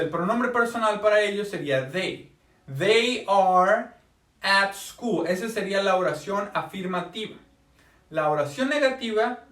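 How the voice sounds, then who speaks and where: Male teacher, high voice, patient and repetitive, recorded at a distance in a roomy space. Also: a bit bright. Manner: slow, deliberate repetition of example sentences. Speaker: English teacher. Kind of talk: recorded remote class lesson. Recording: echoey room, distant mic.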